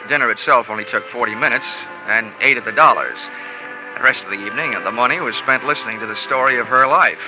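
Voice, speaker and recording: A man with a medium-pitched voice gives a lightly acted turn as a wry, hard-boiled insurance investigator, narrating in dry, wisecracking first person like a 1950s radio drama. He's the narrating detective lead, heard on a dull old radio recording with music.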